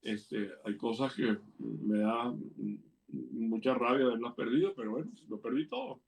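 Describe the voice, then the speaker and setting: A man's voice: medium pitch, unhurried, creaky, far from the mic. An older man with a Venezuelan Spanish accent tells stories in an easy, playful way. He acts out the people he quotes as he goes. He sits a little back from the mic. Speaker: guest, interviewer's father. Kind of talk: anecdotal storytelling.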